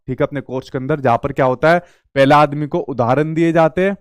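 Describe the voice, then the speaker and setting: A man's voice: mid-range voice, clean tone, no echo, studio quality. Man teaching an exam-prep lesson. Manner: explains slowly, asks and answers own questions.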